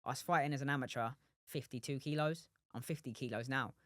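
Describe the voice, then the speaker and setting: Fast-talking young man, rambling. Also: mid-range voice, fairly bright tone, dry recording, clean studio sound. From England. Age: 20s. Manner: rambling, many restarts and "do you know what I mean". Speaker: guest, professional boxer. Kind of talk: casual interview chat.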